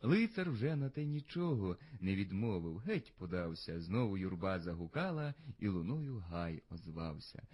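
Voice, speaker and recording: A man recites a verse fairy tale in a lively, expressive voice that rises and falls widely. His voice sits low and has a husky grain. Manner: expressive, sing-song recitation. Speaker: storyteller. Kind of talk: reading a verse tale aloud.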